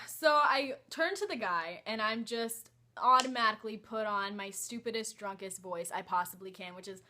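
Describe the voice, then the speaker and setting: A young woman recounts a personal story in a casual vlog, hesitant and peppered with "like" and "um". Her voice is bright and clear, at an ordinary pitch. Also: moderate pace, slight background noise. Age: young adult. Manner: hesitant, many "like" and "um" fillers. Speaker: vlogger.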